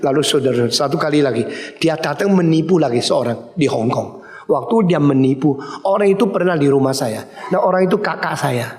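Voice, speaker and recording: Male pastor, fairly high voice, lively storytelling sermon, big echoing hall. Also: fairly quick. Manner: animated storytelling, acting out quoted voices. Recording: reverberant hall.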